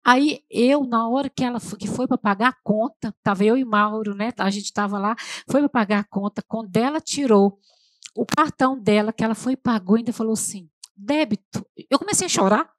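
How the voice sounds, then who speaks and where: A woman's voice: on the high side, brisk, no room sound. A middle-aged woman with a Brazilian accent, preaching an emotional testimonial sermon in church and often calling out to the congregation. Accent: Brazilian Portuguese. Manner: emotional, conversational, addresses audience as "gente".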